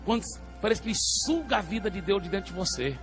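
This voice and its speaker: A man's voice: sits high, very animated, quick pace, music in the background. A man preaching a sermon as pastor, telling a story with energy and calling out to the congregation in a church hall.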